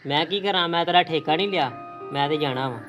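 A man's voice: a little high, quick pace, a bit bright, soft background music, lightly acted. Man as a curt neglectful husband. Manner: curt and dismissive. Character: neglectful young husband who later repents. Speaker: son and husband; channel host. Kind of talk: amateur family drama.

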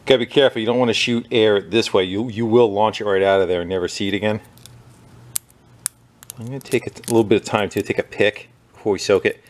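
A man with a lowish voice talks fast while hosting a small engine repair video. He chats casually in a relaxed way as he works at his bench in a workshop with a wire wheel, sometimes turning away from the mic.

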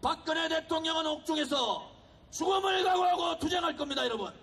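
A man giving a fiery political speech at an outdoor street rally, shouting and exhorting the crowd. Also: extremely high pitch, a little fast, vocal fry.

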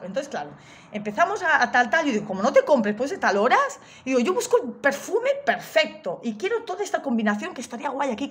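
High-pitched woman rambling through a story, lively and chatty, bit of faint noise behind. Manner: animated, chatty, quotes others with laughs. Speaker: astrology vlogger. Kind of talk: casual storytelling monologue.

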